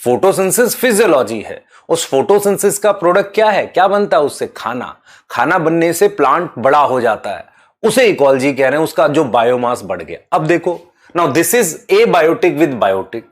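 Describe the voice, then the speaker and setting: A man's voice: a little high, big pitch swings, normal speed. A man giving a biology lesson, explaining step by step, asking his students questions and mixing English terms into his Hindi. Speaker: biology teacher. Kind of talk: classroom lecture.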